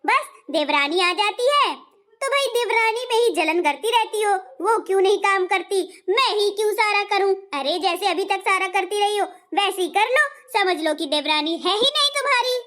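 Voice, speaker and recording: A woman's voice: very high voice, expressive, moderate pace, a bit bright. Woman playing a scolding mother-in-law. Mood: defensive. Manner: scolding, exasperated sighs. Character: fussy older mother-in-law, scolding and proud. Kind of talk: comic skit with song.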